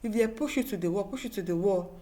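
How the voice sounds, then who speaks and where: Fast-talking and mellow, with a medium-pitched voice, a Nigerian woman hosts an opinionated news commentary built around viewer comments. She speaks emphatically and with exasperation, repeating herself and tossing out rhetorical questions.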